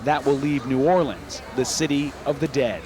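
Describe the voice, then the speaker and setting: A man delivering scripted television news reporting with measured, dramatic emphasis. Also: mid-range voice, noisy background. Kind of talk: scripted broadcast news narration.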